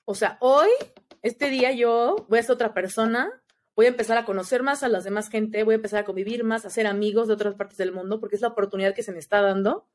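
A young woman with a Mexican accent tells a personal story as an interview guest, fast and fairly high-pitched. She's chatty and animated, often ending lines with "you know?".

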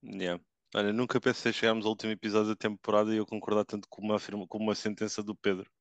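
Male podcast host, European Portuguese accent, fast casual talk, crisp voice in a dry space. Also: lowish voice, flat delivery, dry recording. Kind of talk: casual chat.

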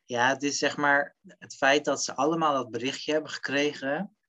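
A young man co-hosting a book podcast, reading a thriller passage aloud and chatting in a relaxed way with fillers and restarts. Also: mid-range voice, moderate pace. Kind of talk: casual book chat with read-aloud excerpt.

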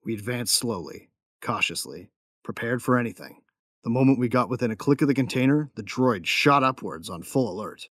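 A man with a mid-range, fairly bright voice speaks at a moderate pace, animated, in a clean studio recording with no room sound. Playing a tough young gunfighter who's a protective older brother, he narrates in first person and speaks dialogue in a sci-fi audio drama, sounding wry, grim, and matter-of-fact.

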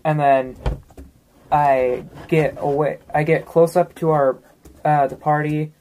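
A woman's voice: deep voice, steady tone, slow, mellow, a little hiss or hum, rough recording. A woman playing in a tabletop game, talking hesitantly with many ums and restarts. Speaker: player. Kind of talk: casual tabletop play.

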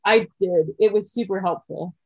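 A woman talking casually as a podcast co-host, her pitch sitting in an ordinary middle range. She is excitable, swears freely and breaks into laughter often. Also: moderate pace, slightly rough, muffled recording. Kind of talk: casual chat.

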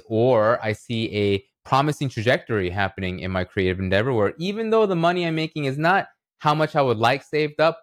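Clean, dry studio sound carries a man's voice that sits on the low side. As an interview guest, he's a writer and illustrator who reflects aloud, uses analogies, and pauses for rhetorical check-ins with whoever is listening.

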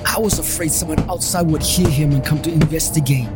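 A man's voice: a little high, a little fast. A man narrating a paranormal detective story in the first person, with a wry, joking delivery over background music.

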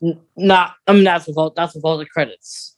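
Here a co-host of a podcast talks a bit fast, with medium pitch and fairly even intonation. The conversation is informal and emphatic, full of opinions on film and radio drama.

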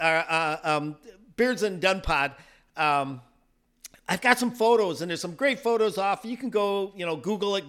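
Excitable high-voiced man telling stories. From South Dakota. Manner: animated storyteller, laughs often, acts out quotes. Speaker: podcast co-host. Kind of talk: casual chat.

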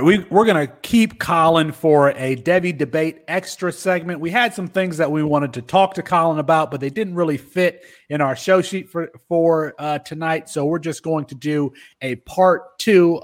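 A man hosting a sports podcast, introducing segments and putting questions to guests in casual talk. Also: on the high side. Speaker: podcast host.

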